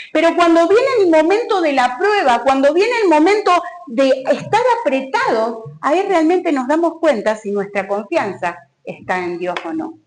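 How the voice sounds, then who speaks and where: A woman's voice: sits high, poor audio. A woman pastor with a Rioplatense Spanish accent, preaching a sermon and acting out a story with dramatic rises. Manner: preaching with rising exclamations and dramatic retelling.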